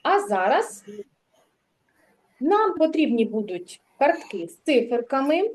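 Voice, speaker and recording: A woman teaching a literacy lesson to small children over a video call, in slow, clear and encouraging speech. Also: high voice, sing-song, darkish tone, low-quality recording. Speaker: kindergarten teacher.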